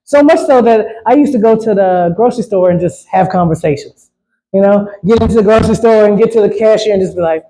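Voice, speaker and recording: With a medium-pitched, mellow voice and a quick pace, a woman performs stand-up, swearing freely, keeping things loose and repeatedly asking the audience "right?". The recording is low quality.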